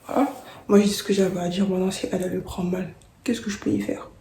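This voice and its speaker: A young woman telling a storytime vlog in slangy, animated chat, dropping into whispered asides. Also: on the low side, very fast, creaky, background noise. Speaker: vlogger. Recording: roomy echo.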